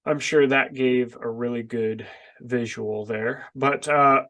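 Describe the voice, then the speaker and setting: In a basement workroom, a small business owner who runs an online video channel delivers a casual vlog monologue to camera, the mic close in front of his face. His nose is stuffy and congested and his breath short, making his speech halting yet emphatic. The voice is medium in pitch, steady and a bit bright, though the audio is dull.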